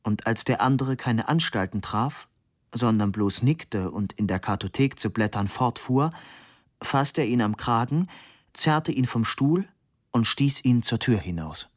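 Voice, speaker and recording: A man narrating an audiobook in a steady, measured storytelling manner. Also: mid-range voice, no echo, clean studio sound.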